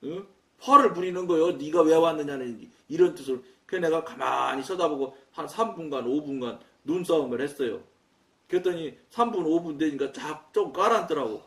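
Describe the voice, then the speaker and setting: A man preaching a sermon, telling a story in an animated, loud way and acting out his own quoted words. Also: fairly high pitch, fairly quick. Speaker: pastor. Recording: echoey room, mic at a distance.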